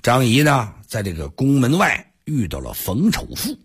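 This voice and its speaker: A male storyteller performs a traditional tale in a radio studio, dramatic and full of asides to the audience. His voice is husky, and his pitch swoops up and down constantly. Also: normal speed. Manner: lively, dramatic, with asides to listeners.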